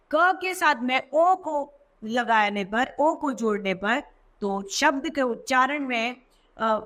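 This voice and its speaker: A woman's voice: fairly high pitch, fairly bright tone. A woman teacher explaining a children's grammar lesson patiently, repeating each example word twice.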